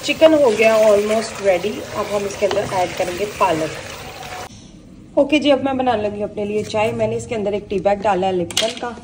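A hoarse woman with a sore throat, chatting casually through a cooking vlog in her home kitchen, filming on a handheld phone. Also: medium pitch, moderate pace, noisy background. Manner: chatty, often adds a polite "okay ji". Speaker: vlogger.

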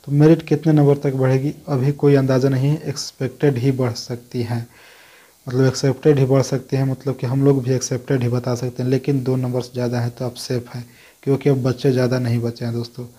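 A man's voice: medium pitch, level tone, brisk, mellow. A man hosting a casual talk in which he answers viewer questions. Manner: conversational, repeats "dekhiye" and "dosto" often. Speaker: host answering viewer comments.

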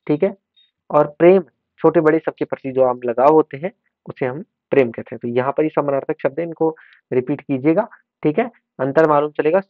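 A male teacher running a brisk exam revision lesson, drilling words and spellings and checking in with "ठीक है" as he goes. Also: a little high, no echo. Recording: tinny phone-like sound.

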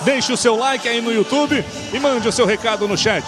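A man doing live boxing play-by-play commentary in an excited, projected voice. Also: extremely high pitch, moderate pace, music in the background, a crowd in the background.

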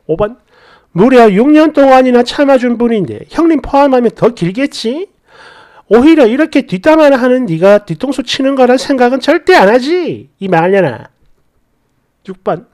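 Female story narrator, sarcastic, lively pitch, dramatic read. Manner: sarcastic, expressive commentary. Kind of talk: dramatic storytelling of reader stories.

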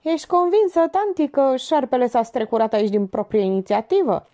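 A woman's voice: high-pitched, very animated, warm tone, voice pushed up. A woman voicing a sarcastic, crude young man who mocks the others. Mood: mocking. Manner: sarcastic, mocking.

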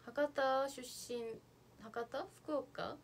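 A woman's voice: sits high, very slow, vocal fry, slight background noise. A young woman chatting casually on a livestream, reading out viewer comments and thanking them as she goes. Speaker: idol livestreamer.

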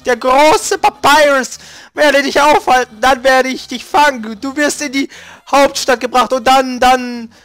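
A man voicing a loud, boastful male skeleton guard from a video game, pompous and tripping over his words. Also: very high voice, dry recording, voice pushed up, heavily acted.

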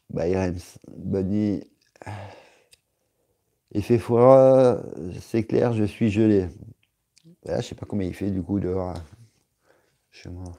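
A male streamer talks loosely to his viewers, filling gaps with hesitations and teasing jokes. His voice sits low and sounds deeply warm and dark. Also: gravelly. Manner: rambling, joking, many hesitations. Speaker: live streamer reading chat. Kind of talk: casual live-stream chat.

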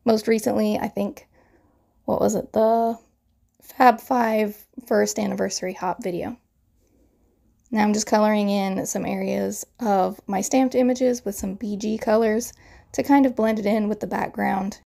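A woman's voice: medium pitch, fairly even intonation, a little slow, vocal fry, dark tone. A woman in her thirties with a crackly morning voice, chattily narrating a card-making tutorial voiceover and explaining each step.

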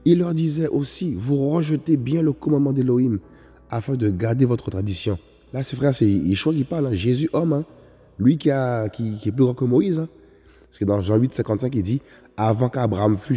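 Over faint music in a long-reverb space, a man with a mellow, husky, mid-range voice preaches at a normal pace. His emphatic sermon keeps returning to the phrase "vous voyez, frères et sœurs" as he calls to his brothers and sisters.

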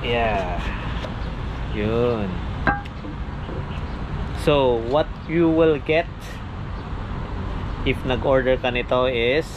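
Slow-talking Filipino man on an outdoor terrace. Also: medium pitch, lo-fi sound. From Philippines. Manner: relaxed, unhurried, chatty with small laughs. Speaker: vlogger. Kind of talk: casual vlog talk mixing Tagalog and English. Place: outdoor cafe terrace under an umbrella. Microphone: action camera on the table. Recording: loud outdoor noise, camera mic.

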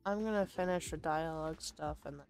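A woman's voice: sits low, brisk, a little mellow, faint music behind. A very tired, yawning woman chatting casually on a stream, sleepy and drifting.

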